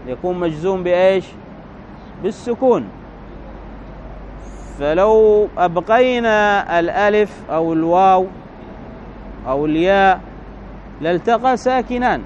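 The speaker is a man with a high, slightly mellow voice giving a patient Arabic grammar lesson. He proceeds deliberately, step by step, frequently asking "right?" to make sure the listener is with him. Slight background noise sits under a dull, lo-fi recording.

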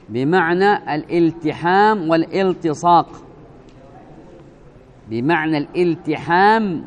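A man giving a religious lesson, speaking deliberately, repeating words, spelling out pronunciations and asking the listeners rhetorical questions. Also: high-pitched, lo-fi sound. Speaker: religious teacher. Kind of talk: religious lesson explaining a hadith.

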